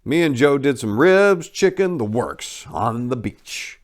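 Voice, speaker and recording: A man with a medium-pitched, sing-song voice reads slowly as the host of a dramatic book reading. His first-person audiobook delivery is conversational and story-like, stressing key words.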